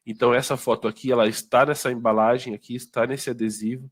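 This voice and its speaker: A man's voice: mid-range voice, fairly even intonation, fast, breathy edge. A man with a Brazilian Portuguese accent giving an informal sales training talk, conversational and full of tag questions and fillers. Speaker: product presenter.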